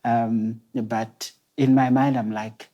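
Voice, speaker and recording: A young man, a guest telling his personal story softly and hesitantly at a dinner table, with many pauses. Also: medium pitch, level tone, muffled recording. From Zambia. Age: 20s. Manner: soft-spoken, hesitant, many pauses and restarts. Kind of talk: personal story in a talk show. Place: indoor dining room set at a table.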